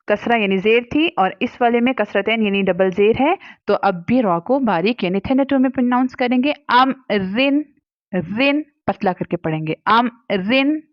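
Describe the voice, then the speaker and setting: Woman Quran teacher, patient explanations, slow drawn-out example syllables, English words mixed in, dry dull lo-fi sound. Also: a little high, dry recording. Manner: mixes English words into Hindi speech. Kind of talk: Quran recitation lesson for kids.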